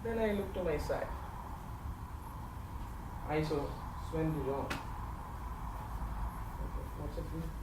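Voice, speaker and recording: A man in his thirties with an Indian accent, for whom English is a third language, gives a humorous farewell speech to a speaking club, telling stories with comic timing and animated gestures. His fairly high voice moves slowly with long pauses. A distant camera with no mic captures him in a large office meeting room with windows and a projection screen, so the sound is echoey and includes audience noise.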